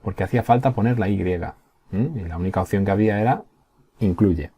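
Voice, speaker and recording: A man teaches a primary class, his deep, mellow voice carrying a slight husk. He explains patiently one step at a time and keeps checking that the pupils follow. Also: fairly quick, slightly rough. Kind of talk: recorded remote class.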